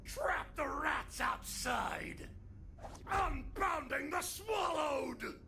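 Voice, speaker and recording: An actor playing a raving, violent madman in a video game, bellowing cryptic war cries in an unhinged, gravelly scream. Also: very high voice, expressive, extremely slow, pushed and bright, raised voice, slight background noise, heavily acted. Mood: manic rage. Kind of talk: video game character acting.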